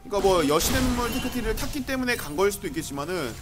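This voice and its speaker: A man commentating live on an online game match. His voice sits high and moves around a lot, with an excitable delivery. Game music plays behind him. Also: racing. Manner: excitable, shouting at big plays.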